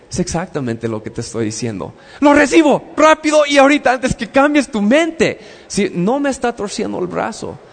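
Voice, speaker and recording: A man's voice: a little high, long reverb tail. A man preaching a sermon in a conversational way, acting out little dialogues with God. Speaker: pastor.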